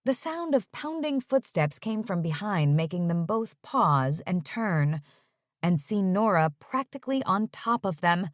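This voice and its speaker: A woman narrating an audiobook romance in a slow, expressive reading. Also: mid-range voice, dry recording, clean studio sound. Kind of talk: scripted narration.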